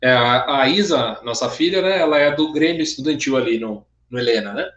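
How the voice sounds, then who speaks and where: A man who is a father, speaking gently and reflectively in a casual online church discussion. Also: mid-range voice, a little fast, echoey room, dull audio. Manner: gentle, reflective, hesitant restarts. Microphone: video call.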